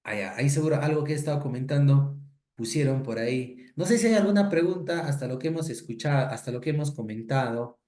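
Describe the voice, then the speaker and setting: A man's voice: medium pitch, fast talker, mellow. A male biology teacher gives an online class. He asks rhetorical questions and tags his sentences with "pues" and "¿no?". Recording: roomy echoey room.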